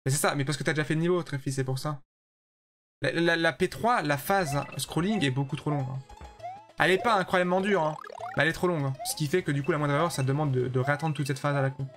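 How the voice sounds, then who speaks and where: Quick and a bit bright, his voice on the high side, a man plays a level-creation platform game live with soft background music. He chats casually with viewers, addresses chat by name, and judges their levels bluntly.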